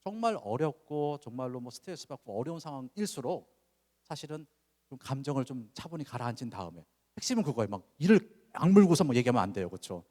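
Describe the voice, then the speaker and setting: A male pastor preaching in an informal, conversational way, his pitch rising and falling a lot. He keeps asking the congregation rhetorical questions. His voice carries a long reverb from the church sanctuary. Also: very animated, fast, dark tone. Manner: acts out parent-child dialogue examples. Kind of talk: sermon.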